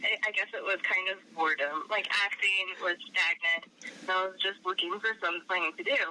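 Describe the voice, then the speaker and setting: A young woman with a slight cold chats as a guest, giggling often and filling pauses with "um". Her tone is bright and forward. A faint hiss sits under the recording. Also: medium pitch, rough recording. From Arizona, USA. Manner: chatty, giggly, many filler words. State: has a cold. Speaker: guest, author and playwright. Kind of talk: casual interview.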